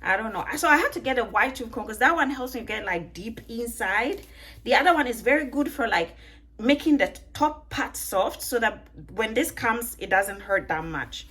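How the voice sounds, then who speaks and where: A vlogger in her thirties, whose accent blends Ghanaian, Italian, British and American influences, chats and jokes to the camera at home while detangling her hair. Her voice sits on the high side, animated and fairly bright at a moderate pace, and she laughs often and asks viewers questions.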